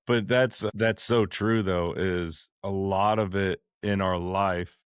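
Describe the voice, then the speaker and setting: A man with a very low voice hosts a podcast about faith, his questions reflective and probing. The sound is dry and close, from a studio mic. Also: steady tone, slow, clean tone, dry recording. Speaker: podcast host. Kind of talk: faith conversation.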